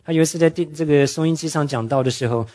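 A man preaching a sermon, telling stories earnestly and slowing down to stress his main points. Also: on the high side, a little mellow. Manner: earnest storytelling preacher, drops English words into speech; slows down and drops his voice to stress key points. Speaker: pastor.

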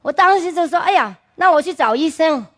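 Her voice is extremely high, fairly bright, and expressive, and she talks fairly fast as she gives a testimony to a congregation. She's earnest and emphatic, often questioning the audience directly and mixing in English.

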